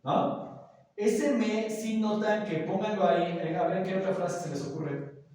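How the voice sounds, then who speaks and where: A man's voice: high-pitched, unhurried, a little mellow. A male teacher, patiently explaining grammar to a class, with many examples and frequent checks that students follow. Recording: echoey classroom, from far off.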